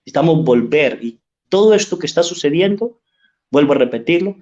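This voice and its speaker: Rich: A middle-aged Mexican priest preaching a sermon in a slightly high-pitched male voice. He speaks earnestly and pleads with his listeners, working through stories and pausing to ask if they follow. The recording sounds dull and lo-fi. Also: animated, dark tone. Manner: earnest, pleading, tells stories, asks "¿sí?" often.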